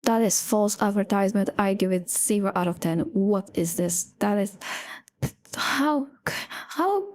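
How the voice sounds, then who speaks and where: A woman's voice: medium pitch, unhurried, a little hiss or hum. Teasing woman streamer reacting. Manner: incredulous, teasing, deadpan jokes. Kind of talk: casual reaction commentary.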